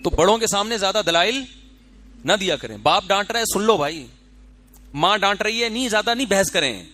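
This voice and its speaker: A high-pitched man preaches in a relaxed, conversational way. He asks rhetorical questions and acts out short quotes. Faint noise sits under the voice. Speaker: Islamic scholar. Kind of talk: sermon.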